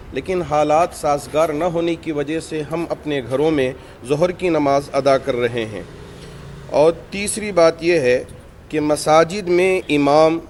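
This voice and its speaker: A man, a mosque imam, reading out a formal statement point by point in measured religious diction, outdoors by a street. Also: a little high, a little hiss or hum.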